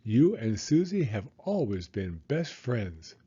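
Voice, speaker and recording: A man acts out a jolly, proud father pig from a children's storybook. The speech is slow and good-humoured, on a slightly dull recording. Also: medium pitch, sing-song, mellow, breathy edge, exaggerated voice. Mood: fond.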